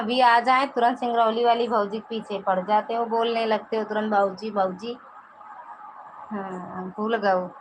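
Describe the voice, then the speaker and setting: Brief: woman, Awadhi accent, fairly high voice, chatty live-stream host who teases her viewers. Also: slight background noise, low-quality recording. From Pratapgarh, Uttar Pradesh, India. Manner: chatty, reads viewer comments aloud, teasing. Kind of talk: casual live-stream chat.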